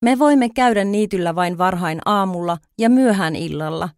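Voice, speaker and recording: A woman's voice: mid-range voice, no room sound, studio quality, close to an everyday voice. Woman doing a patient mother deer. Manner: calm, explaining.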